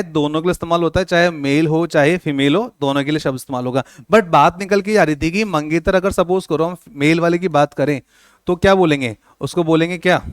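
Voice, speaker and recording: Playful male classroom teacher, crisp voice. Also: on the high side, no room sound, studio quality. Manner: playful, teasing students with questions. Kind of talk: classroom lecture.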